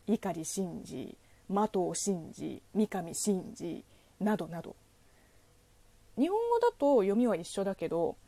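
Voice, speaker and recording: A woman's voice: mid-range voice, dark tone, dry recording. A woman from China with a Chinese accent, hosting a solo podcast and answering a listener letter with playful, teasing asides. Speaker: podcast host.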